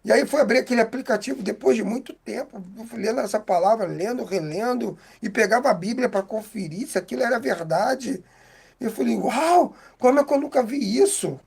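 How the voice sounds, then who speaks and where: A man with a Brazilian Portuguese accent giving a heartfelt, halting faith testimony as an interview guest. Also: extremely high pitch, animated, gravelly, a little mellow, slightly rough.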